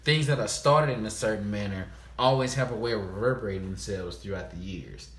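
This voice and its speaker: A man's voice: fairly low pitch, brisk, fairly bright tone, reverberant. A man co-hosting a podcast in casual chat, talking in a laid-back, rambling, jokey way. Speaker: podcast co-host.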